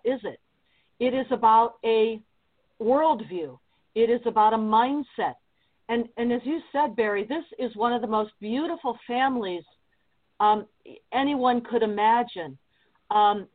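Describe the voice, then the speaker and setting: A woman appearing as a guest on talk radio, speaking earnestly while stumbling over many fillers and restarts. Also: a little high. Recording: tinny phone-line sound.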